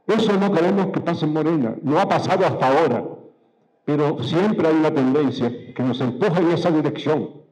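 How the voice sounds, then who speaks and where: A man giving a political speech to party members, measured and emphatic, posing rhetorical questions and repeating key phrases. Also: on the high side, darkish tone, low-quality recording. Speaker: political speaker.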